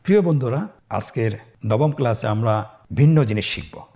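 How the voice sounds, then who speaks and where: A man teaching a Quran lesson, patient and encouraging, drawing out syllables slowly as he sounds out letters for learners to repeat. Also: medium pitch, animated, mellow. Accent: Bangladeshi Bengali. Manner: slow drawn-out syllables when sounding out letters. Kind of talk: step-by-step lesson, learners repeat after him. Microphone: facing the camera on screen.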